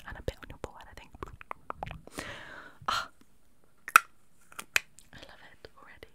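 A young woman in a whispered role-play, speaking close to the mic in a fast, aggressive, chaotic ASMR manner with repeated words. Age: young adult. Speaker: ASMR makeup artist role-play host. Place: small indoor bedroom. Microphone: close fluffy-covered microphone.

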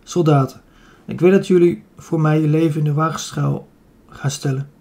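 A dignified emperor speaking solemnly to his troops, as a man reads him. The tone is mellow and slightly husky, with little rise and fall. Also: a little high, fairly even intonation, moderate pace. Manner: solemn, grateful address. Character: dignified male emperor addressing his soldiers.

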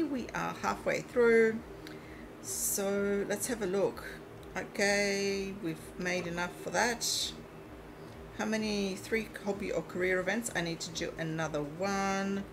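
Playing a mobile game, a let's play host chats casually and reads the on-screen prompts aloud in a mid-range voice, with background noise audible. Her English accent is mixed but mostly Australian, and her first language comes from Eastern Europe.

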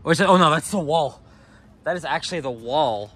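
An expressive young man vlogs on a casual outdoor walk, speaking fairly quickly in a voice on the high side that's fairly bright and slightly rough. Holding a camera on a city sidewalk, he's recorded over street traffic and cars.

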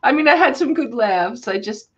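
A woman's voice: on the high side, lively intonation, moderate pace, fairly bright tone, slightly rough, muffled recording. A woman co-hosting a live stream over a video call, chatting casually and laughing a lot. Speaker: co-host. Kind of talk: casual chat. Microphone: webcam video call.

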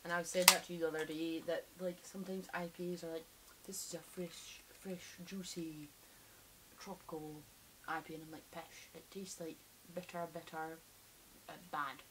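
A young Scottish woman co-hosting a casual beer review on a sofa indoors, expressive and blunt. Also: low voice, normal speed. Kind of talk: casual chat. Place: living room sofa, indoors. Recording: faint hiss.

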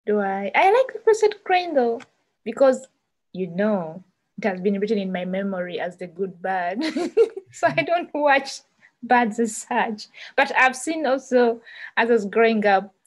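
A woman's voice: a little high, very animated, a little slow, long pauses. Laughing woman from Uganda on video call. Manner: laughs often, repeats words. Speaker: guest speaker, graduate student. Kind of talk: casual Q&A answers.

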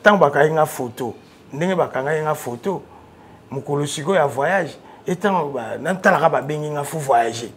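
In a casual TV studio interview, a man with a Congolese French accent describes his music career from a sofa, blending French with Lingala. He speaks a little high at a moderate pace, with slight background noise, and his lively stories turn loud at exciting moments.

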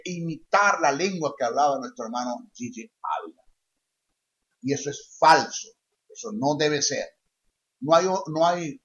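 A man's voice: a little high, a bit bright. A male preacher teaching a sermon emphatically, repeating his key phrases. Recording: dull lo-fi sound.

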